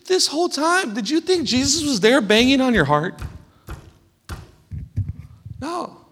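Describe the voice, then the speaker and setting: A man preaching a sermon as a guest pastor in a church, fervent and building up to shouted exhortation. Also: very high voice, sing-song, a little slow, husky. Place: church sanctuary. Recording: long hall reverb.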